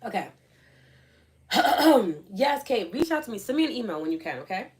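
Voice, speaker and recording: A young adult woman hosting a spiritual coaching livestream, talking casually and earnestly, answering her chat and asking questions out loud. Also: on the high side, moderate pace. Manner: earnest, questioning, animated asides.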